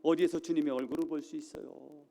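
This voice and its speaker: A man's voice: fairly high pitch, steady tone, fast, creaky, dark tone. A man preaching a sermon in a church, emphatic, with repeated phrases and rhetorical questions. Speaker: pastor. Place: church sanctuary. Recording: reverberant church hall.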